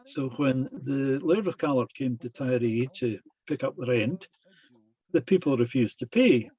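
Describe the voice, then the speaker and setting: A man giving a lecture that retells traditional tales, speaking in a halting, deliberate way. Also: mid-range voice, mellow, slightly rough, dry recording, muffled recording.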